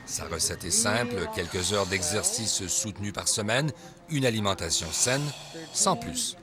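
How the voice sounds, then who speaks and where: Guy narrating a news report, low voice, steady and even, music playing under it. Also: measured pace. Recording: voice-over with music behind.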